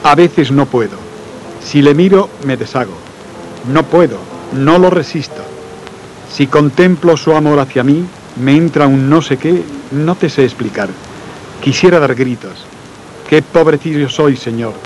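A man reading devotional letters aloud in a slow, earnest and intimate way, letting phrases trail off quietly. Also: a little high, slight background noise, low-quality recording. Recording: faint music and rain behind.

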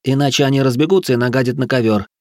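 A man voicing a pompous, ranting aristocrat who lectures and barks cooking orders in a shrill, squealing voice. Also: rapid-fire, dry recording, clean studio sound, natural voice. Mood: stern. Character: shrill manic aristocratic male drill-sergeant cook. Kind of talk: audiobook character voice.

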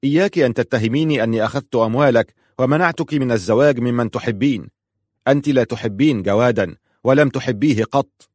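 A man's voice: medium pitch, fast talker, darkish tone, no echo, studio quality, lightly acted. A man reading a storybook, voicing an angry, bitter man who accuses his cousin in heated questions. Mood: angry accusing.

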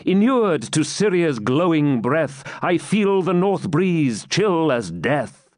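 An earnest, courtly knight, voiced by a man reading aloud speaks with formal warmth. His lines rise and fall in a lively, lilting way at an unhurried pace. The sound is close and dry. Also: on the high side, no room sound, voice pushed up. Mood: ardent.

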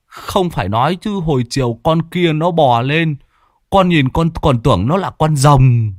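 A man voicing a rough young laborer who talks bluntly and grumbles. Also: on the high side, lively intonation, unhurried, no room sound, clean studio sound, pitched above the performer's own voice. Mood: grumbling.

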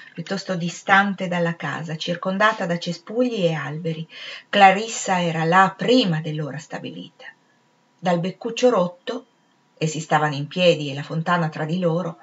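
Female audiobook narrator, measured and expressive, mid-range voice, slightly dull recording. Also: medium pitch. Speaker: audiobook reader.

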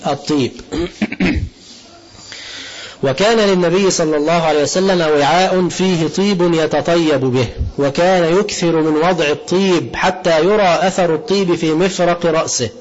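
Speaking at normal speed in a fairly high voice, an Egyptian Arabic-accented preacher delivers a colloquial religious lesson, repeatedly putting questions to his listeners before answering them himself. The recording sounds dull and lo-fi.

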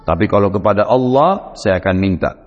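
A preacher voicing a steadfast, faithful ancient prophet who speaks firmly and devoutly, in a dull, echoey hall. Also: male voice, on the low side, expressive, moderate pace. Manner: firm, devout.

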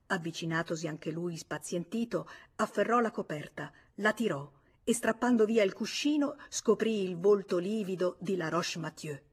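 A woman narrating a classic novel as an audiobook reader, in a measured, even storytelling manner. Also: mid-range voice, slightly rough.

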